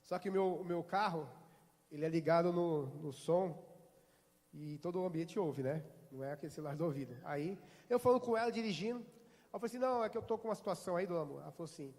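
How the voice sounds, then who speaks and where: A man's voice: fairly high pitch, animated, fast talker, darkish tone. A middle-aged Brazilian man, a pastor with a Brazilian Portuguese accent, preaching a sermon in a church and telling a story with voiced dialogue. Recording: hall reverb.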